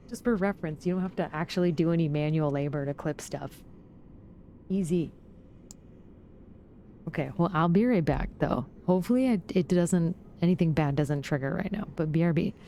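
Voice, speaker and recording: Woman gamer streamer: low, mellow voice, casual profane play-by-play with excited yelps. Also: normal speed, long pauses, a little hiss or hum. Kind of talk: casual live gameplay commentary.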